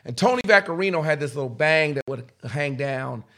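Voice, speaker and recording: Emphatic high-voiced man in his fifties. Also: lively intonation, a little fast, pushed and bright. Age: 50s. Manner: emphatic, repeats "okay?" often, acts out quotes. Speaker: guest. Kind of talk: animated storytelling in a podcast chat.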